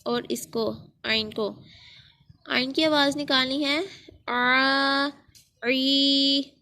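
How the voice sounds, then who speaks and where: A woman's voice: high voice, fairly bright tone. A woman Quran teacher giving a reading lesson, drawing out letter sounds patiently and explaining between drills. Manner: slow, drawn-out recitation of letter sounds.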